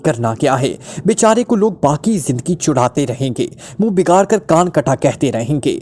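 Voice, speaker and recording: A man's voice: fairly high pitch, expressive, moderate pace, a little mellow. A man voicing a flippant, unflappable male detective who teases and mocks in a breezy way. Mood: mock-serious. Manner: breezy, mocking, teasing.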